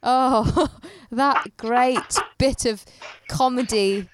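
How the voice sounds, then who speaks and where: A young woman co-hosting a podcast, chatting playfully about a baking show and trailing off into soft asides. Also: a little high, extremely slow, background noise. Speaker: podcast co-host. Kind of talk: casual chat reviewing a baking show.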